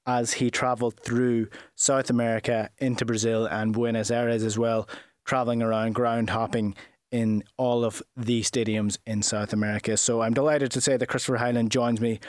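A man's voice: mid-range voice, little pitch movement, moderate pace, darkish tone, no room sound, studio quality. A man hosting a football podcast, chatty and conversational, asking several questions in a row. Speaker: podcast host.

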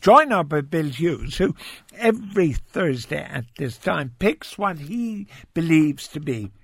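Husky older radio host. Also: male voice, a little high, big pitch swings, slow, soft background music. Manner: teasing, dry banter. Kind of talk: casual radio chat. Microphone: studio microphone.

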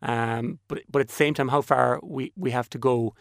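A man's voice: mid-range voice, fairly even intonation, moderate pace, creaky, dry recording, clean studio sound. A man with a west of Ireland accent from Kerry, talking reflectively in a panel discussion, often repeating words as he thinks. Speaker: panel guest.

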